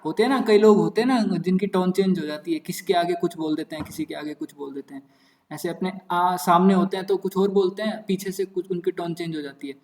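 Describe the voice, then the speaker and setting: A young man with a fairly high voice teaches maths in a casual, chatty lecture. He repeats key words over and over in a playful way and drops into quiet muttered asides. The room around him sounds echoey. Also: fairly quick. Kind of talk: casual Hindi-English lecture.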